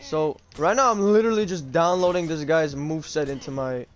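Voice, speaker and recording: With a voice on the high side and a slightly quick delivery, this man casually narrates his gameplay live for YouTube. He uses informal slang and swears often, with soft music in the background.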